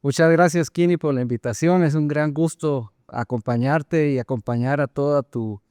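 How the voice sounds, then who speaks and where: An older man from Colombia with a Colombian accent, a company general manager answering interview questions thoughtfully, often pausing and repeating words. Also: a little high, a little mellow, smooth, dry recording, clean studio sound. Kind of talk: conversational interview.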